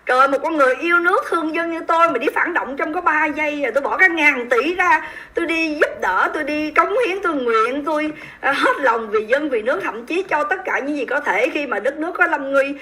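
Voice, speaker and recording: Hosting a livestream, a woman with a Southern Vietnamese accent comments on the news, addressing her viewers directly in a high voice with a bright, sharp edge. She sounds emphatic, indignant and mocking, speaking a little fast with hardly any pauses.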